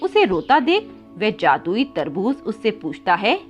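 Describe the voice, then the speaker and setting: A woman narrating a children's cartoon story in an expressive, scripted way. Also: mid-range voice, unhurried, lo-fi sound, soft background music.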